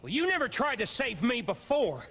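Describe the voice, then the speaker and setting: An actor playing a resentful outlaw gang leader in a video game, who taunts and threatens with slow, bitter words. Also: male voice, very high voice, very animated, fairly bright tone, husky, full character voice.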